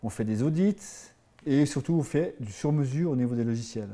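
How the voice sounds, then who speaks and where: Un homme, patron d'une entreprise informatique, qui parle avec sincérité dans un entretien détendu. Sa voix est douce et feutrée, de hauteur moyenne. Il raconte avec simplicité, en se reprenant parfois. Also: male voice, medium pitch, fairly quick, warm tone. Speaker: IT company owner, guest. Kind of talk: casual interview talk.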